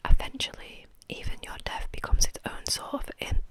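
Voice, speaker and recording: A woman hosting an ASMR channel, softly whispering as she chats and reads aloud from a book. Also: normal speed. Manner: soft unvoiced whispering throughout.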